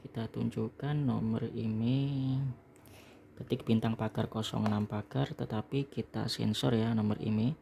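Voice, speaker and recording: An Indonesian man, recorded indoors in a small room, casually narrates packing and reviewing a product as an online seller, often adding a short confirming "ya" to the end of his phrases. His voice is fairly low, creaky and dark, with fairly even intonation and a measured pace. There is slight background noise, and his manner is explanatory.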